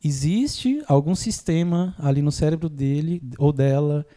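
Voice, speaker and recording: A man in casual conversation, his tone mellow and unhurried. He explains therapy ideas step by step and mimics clients in a lifted voice. His laughter comes easily. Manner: acts out clients' lines in a higher voice, laughs easily. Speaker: podcast host, phobia therapist.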